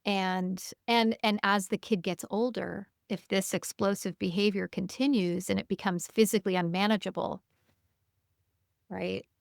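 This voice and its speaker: A woman's voice: medium pitch, steady tone, normal speed, vocal fry, no room sound, clean studio sound. A woman hosting a podcast interview, reflective and often murmuring agreement. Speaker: podcast host. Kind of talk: conversational interview.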